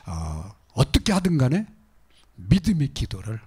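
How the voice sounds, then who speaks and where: Man, pastor preaching, husky voice, loud exhortations broken by hushed asides. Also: mid-range voice, wildly swooping pitch, unhurried. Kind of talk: sermon.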